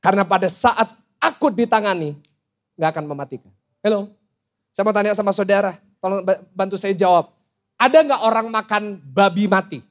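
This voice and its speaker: In a church hall, the middle-aged pastor, who has an Indonesian accent, preaches briskly in a high-sitting voice. He keeps things lively, throwing questions to the congregation and slipping in jokes between points.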